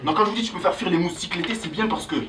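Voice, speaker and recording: A young man from Angola doing a stand-up comedy set on a club stage, loudly hyping the crowd between jokes. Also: sits high, rapid-fire, far from the mic, noisy background. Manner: animated, hyping the crowd with loud calls. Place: comedy club stage before a live audience.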